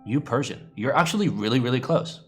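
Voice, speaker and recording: This young American keyboard streamer talks to his live-stream viewers in a medium-pitched, expressive, brisk voice, with faint music playing behind him. He rambles casually, swears freely, and lets out playful groans.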